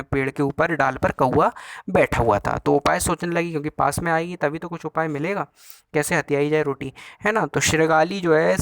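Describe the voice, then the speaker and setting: A man's voice: a little high, no echo. A man teaching a Sanskrit story, reading each word and explaining it in plain terms. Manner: explanatory, repeats each Sanskrit word then glosses it in Hindi. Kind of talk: Sanskrit lesson, translating a story line by line.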